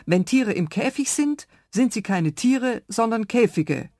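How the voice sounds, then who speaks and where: A woman reading a children's radio story, voicing a stubborn, rule-bound male tram ticket inspector who talks louder and insists. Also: on the high side, lively intonation, unhurried, dry recording, clean studio sound, voice pushed up. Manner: officious, insistent, louder than the narration.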